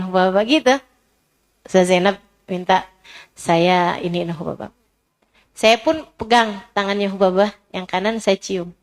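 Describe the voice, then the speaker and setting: A middle-aged woman preacher giving a sermon through a personal story, her voice moving from soft and low to high and emotional.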